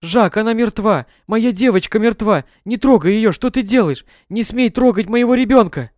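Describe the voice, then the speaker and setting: A man voicing a distraught young mother, frantic and shouting, in a storybook. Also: sits high, moderate pace, no room sound, studio quality, pitched above the performer's own voice, close to an everyday voice.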